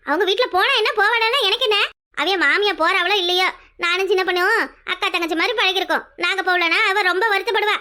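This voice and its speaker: A very high, bright voice for a young daughter-in-law in a village cartoon, as a woman puts her on. She argues back quickly in Kanyakumari Tamil. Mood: pleading. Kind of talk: cartoon voice acting.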